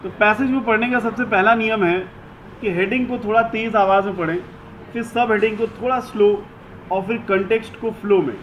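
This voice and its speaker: A man teaching a classroom English lesson, giving slow, deliberate instructions and mixing Hindi with English. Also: sits high, fairly even intonation, fairly bright tone, a little hiss or hum, rough recording.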